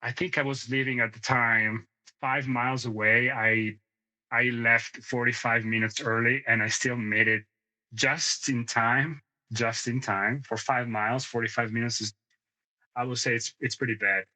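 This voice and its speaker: A man's voice: mid-range voice, level tone, a little slow, pushed and bright, rough recording. A man in his thirties, co-hosting a podcast in casual conversation, who tells rambling stories, sidetracks and laughs often. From moved to the United States ten years ago. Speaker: podcast co-host.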